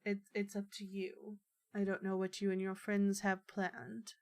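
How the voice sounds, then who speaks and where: A woman's voice: medium pitch, completely flat delivery, darkish tone, close to an everyday voice. Woman playing a hesitant, polite scholar woman. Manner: halting, full of ums and restarts. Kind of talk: tabletop role-play voicing.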